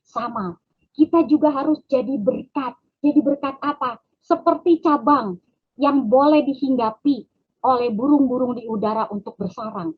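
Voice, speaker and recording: A fairly high, breathy woman's voice shares a personal testimony at an online prayer meeting. She speaks directly to her listeners and acts out small exchanges with her child. The sound comes over a thin, narrow phone-like line. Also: normal speed. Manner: addresses listeners as "Bapak Ibu sekalian". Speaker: lay preacher sharing a testimony.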